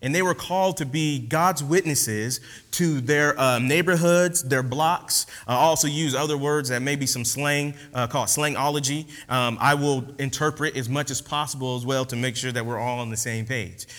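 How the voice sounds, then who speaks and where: After an opening prayer, a preacher delivers a relaxed, slangy sermon, teaching in an animated way with many fillers. His voice is medium-pitched at a normal speed, and a long hall reverb fills the recording.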